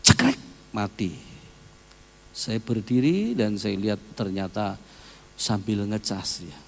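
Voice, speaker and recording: A man's voice: lowish voice, measured pace, vocal fry, slight background noise. A male pastor preaching a conversational sermon, telling stories and tossing tag questions to the congregation. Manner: lively storytelling with tag questions to the audience. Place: church seminar hall. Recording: long hall reverb.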